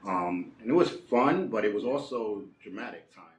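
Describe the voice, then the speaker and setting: A man's voice: on the low side, animated, moderate pace, reverberant, poor audio. A middle-aged man hosting a casual interview, chatty and enthusiastic, often laughing along. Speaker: host. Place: outdoors in the city.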